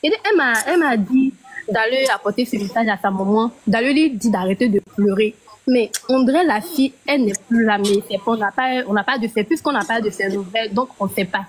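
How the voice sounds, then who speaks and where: A woman's voice: on the high side, fairly quick, low-quality recording. A woman calling in by phone, telling a story hesitantly and restarting her phrases. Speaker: caller.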